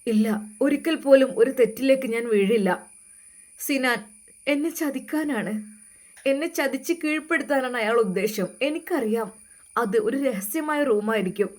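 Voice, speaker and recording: A woman's voice: sits high, moderate pace, a little mellow. A woman voicing a young wife, tearful and defiant, refusing in raised, emphatic lines.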